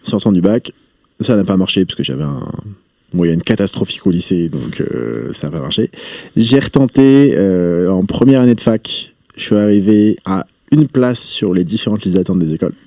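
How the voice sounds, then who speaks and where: Male interview guest, low and warm-toned, reflective, hesitant delivery. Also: expressive, normal speed, dry recording, clean studio sound. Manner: reflective, rambling, frequent hesitations. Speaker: podcast guest, entrepreneur. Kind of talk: casual interview talk.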